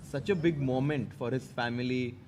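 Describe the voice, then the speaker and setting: A man with an Indian accent co-commentating excitedly on chess, exclamatory, mostly in English with bits of Hindi. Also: medium pitch, moderate pace, a little hiss or hum. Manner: exclamatory, enthusiastic. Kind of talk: excited live sports commentary.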